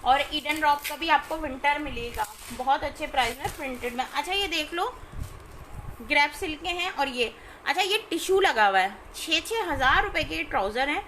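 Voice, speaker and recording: A woman, chatting informally as she sells clothes on a live stream and often checking in with her listeners, over clear background noise. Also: high voice, animated, normal speed, bright, forceful tone, low-quality recording. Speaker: live online clothing seller. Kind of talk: casual live shopping sales chat.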